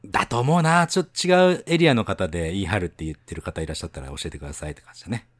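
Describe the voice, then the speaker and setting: A man from Tohoku, Japan co-hosting a casual bilingual chat, laughing often and protesting with animated repeated denials. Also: low voice, racing, no echo, studio quality. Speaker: podcast co-host.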